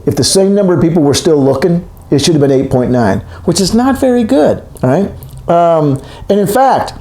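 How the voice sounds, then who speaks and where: A man in his sixties gives a recorded video lecture on economics in an echoey room, his slightly high, warm voice expressive and moderately paced. He talks loosely and conversationally, rambling and often correcting himself mid-sentence.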